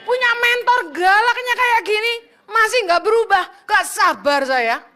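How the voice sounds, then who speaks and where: A woman pastor preaching with a very high voice and a bright, sharp edge. She is blunt and fiery, mixes jokes with scolding, and drops into casual street slang. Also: a little slow. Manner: scolds the congregation loudly. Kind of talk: sermon.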